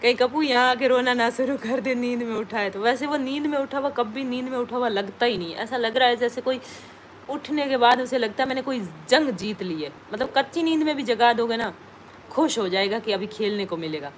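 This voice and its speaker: A woman's voice: a little high, a little fast, slight background noise. A woman chatting casually on a live stream, greeting viewers and reading their names aloud from the comments.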